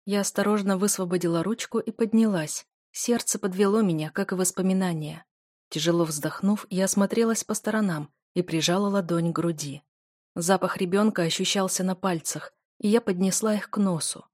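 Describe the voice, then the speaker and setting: A woman's voice: mid-range voice, brisk, darkish tone, no echo, clean studio sound. A woman narrating an audiobook in the first person, reading with emotion.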